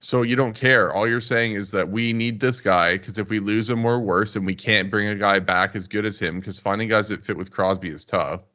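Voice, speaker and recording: A man's voice: lowish voice, steady tone, moderate pace, few pauses, sharp tone. A man co-hosting a casual sports podcast, explaining his points in a matter-of-fact way. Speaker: podcast co-host. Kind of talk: casual hockey podcast chat. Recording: dull lo-fi sound.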